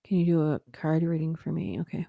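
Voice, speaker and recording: Her deep, gravelly voice carries a late-night livestream where she reads ghost stories aloud, and she's sounding worn and tired. Steady narration gives way to brief, laughing, chatty asides, and the recording has no echo.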